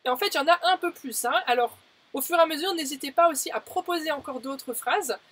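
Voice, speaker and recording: A woman teaching German in a live lesson, chatty and full of fillers, slowing down carefully on each example phrase. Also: high-pitched, a bit bright. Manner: chatty, many "euh" fillers, slows down to model German phrases. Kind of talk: live-streamed language lesson.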